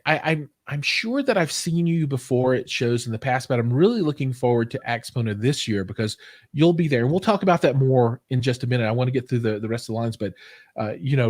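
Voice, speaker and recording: A man's voice: medium pitch, darkish tone. Chatty American man interviewing. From United States. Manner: friendly, chatty questions with fillers. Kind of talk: casual interview.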